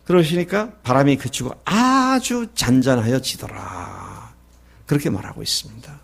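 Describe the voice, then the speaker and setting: A middle-aged male pastor delivers a lively sermon in a medium-pitched, creaky, slightly rough voice at normal speed. He acts out the quoted lines of Jesus and the disciples, and he poses questions to the congregation and then answers them himself.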